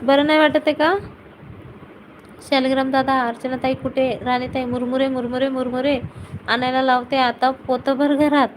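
A woman's voice: high voice, level tone, normal speed, a little hiss or hum, rough recording. A woman hosting a casual live stream, greeting viewers by name and teasing them playfully.

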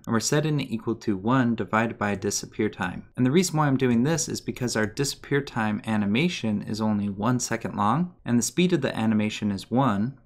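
A man giving a methodical step-by-step game development tutorial as a voice-over. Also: mid-range voice. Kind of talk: screen-recorded coding tutorial.

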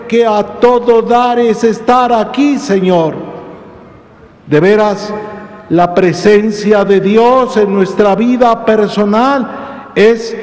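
A man's voice: sits high, a little mellow. A man, a priest giving a solemn homily and leading prayers at Mass in a large church. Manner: slow, solemn, measured phrasing. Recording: long church reverb.

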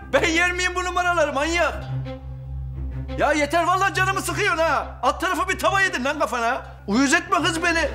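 An actor playing a hot-tempered comic husband who barks orders and blusters in sitcom acting. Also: male voice, extremely high pitch. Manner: blustering, bossy, panics into yelling.

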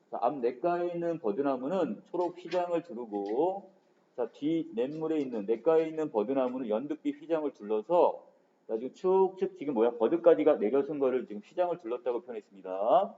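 A male literature teacher giving an online exam-prep lecture in a casual manner, starting sentences with frequent filler words, in a dull lo-fi recording. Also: medium pitch.

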